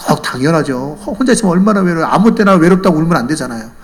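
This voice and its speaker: A woman's voice: low voice, animated, rapid-fire. A man voicing an earnest older countrywoman, a church deaconess, who presses her questions insistently. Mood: proud.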